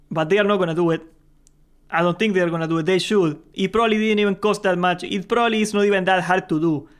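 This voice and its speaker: A young man hosting a gaming livestream, chatting casually and jokingly, laughing often and swearing freely. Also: high-pitched. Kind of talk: casual live-stream chat.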